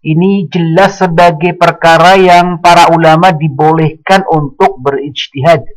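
A man giving a religious study lecture, speaking in a measured way and quoting Arabic passages. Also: fairly high pitch, steady tone, rough recording. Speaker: Islamic teacher.

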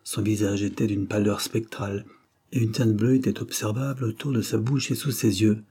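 A man narrating a detective story aloud, with a dark, mellow voice and a husky grain. His pitch sits on the low side, and he reads at a steady, measured pace. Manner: raises pitch and volume to voice the characters' quoted lines. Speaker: audiobook narrator.

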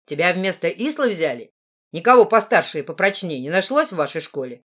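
A woman's voice: mid-range voice, sing-song, normal speed. Storybook role: a woman reading a cocky red-haired teen boy, brash and cheeky.

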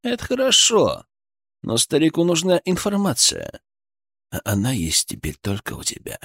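A man's voice: on the high side, wildly swooping pitch, normal speed, a bit bright, slightly rough, no room sound, voice pushed up, full character voice. A man playing a sneering young thug cop. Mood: menacing. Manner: lazy drawling menace, slangy and sneering. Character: cocky young male thug posing as cop. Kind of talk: audiobook character voice.

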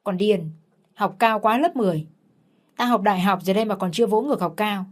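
A woman's voice: brisk, lightly acted. A woman voicing a haughty, bossy young sister-in-law in a told story. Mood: sneering. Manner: sneering, high-handed.

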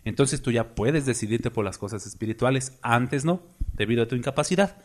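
A man's voice: mid-range voice, a little fast. A man preaching a sermon, emphatic and full of rhetorical questions to the congregation.

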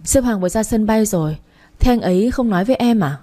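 A woman's voice: mid-range voice, lively intonation, fast, dark tone, natural voice. A woman voicing a young man, a boss's easygoing assistant, in a story reading. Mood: matter-of-fact.

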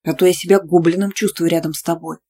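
A woman voicing a sharp-tongued young female student friend in an audiobook, with hissed whispers and quick jabs. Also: lowish voice, fairly even intonation, slightly rough.

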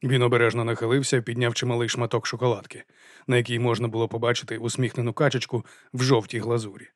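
A man reading a novel aloud as an audiobook, in even, measured narration. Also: mid-range voice, no echo, studio quality. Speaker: audiobook reader. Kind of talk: scripted narration.

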